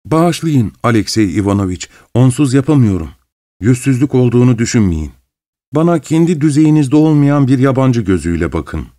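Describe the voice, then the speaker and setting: A man narrating an audiobook voices a fawning, pleading middle-aged husband, speaking softly and ingratiatingly. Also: medium pitch, very animated, moderate pace, no echo, studio quality, pitched above the performer's own voice, lightly acted. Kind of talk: audiobook character reading.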